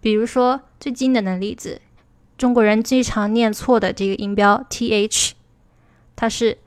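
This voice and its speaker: A woman teaching English pronunciation in a livestream. She explains step by step, checks in with her listeners and slows down to model English words. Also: a little high, fairly even intonation, dry recording. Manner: explanatory, asks "对吧" to check understanding. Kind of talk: livestream lesson.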